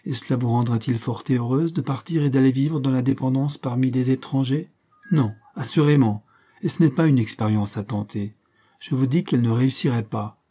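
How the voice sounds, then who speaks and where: A man's voice: medium pitch, mellow, lightly acted. A man voicing an outspoken young woman in an audiobook, speaking emphatically and with indignation.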